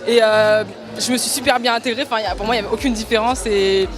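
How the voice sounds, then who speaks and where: A woman's voice: fairly high pitch, steady tone, fast. A woman model at a fashion show, speaking cheerfully and enthusiastically. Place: outdoor fashion event. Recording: music and crowd behind.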